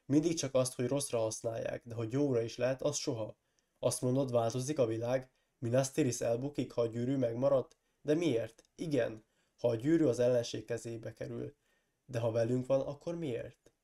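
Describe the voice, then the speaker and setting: A man with a cold, reading aloud and voicing a proud, forceful warrior lord who keeps pressing his case and breaks into loud accusations. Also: mid-range voice, fairly even intonation, close to an everyday voice. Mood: urging. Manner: insistent, rising to loud accusing outbursts. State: hoarse from a cold.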